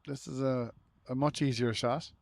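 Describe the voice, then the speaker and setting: A man's voice: medium pitch, fairly even intonation, moderate pace, gravelly. Irish man giving conversational golf commentary. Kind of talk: live golf commentary, conversational and low-key.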